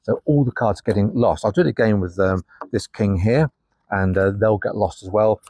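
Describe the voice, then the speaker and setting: An older man with a very low, husky voice talks through card tricks to the camera in a relaxed, chatty patter. His sound is dry and close, with no room echo. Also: normal speed. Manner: chatty, patter-filled with ums and asides. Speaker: magician. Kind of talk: casual card trick demonstration. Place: indoors at a table, facing a camera with a monitor.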